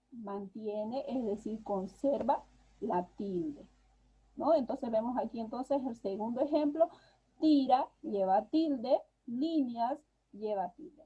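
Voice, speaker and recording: A woman teacher with a husky, somewhat high voice leads an online lesson, explaining patiently and checking in with her students as she goes. The sound comes through a dull, lo-fi video call line. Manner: patient, explanatory, tags phrases with "¿no?". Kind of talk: online class lecture.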